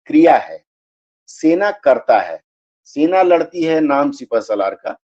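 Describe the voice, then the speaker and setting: A man's voice: mid-range voice, warm tone, breathy edge, dull audio. Patient man teaching a grammar class. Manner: patient, explains step by step and checks understanding. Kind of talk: live online grammar class.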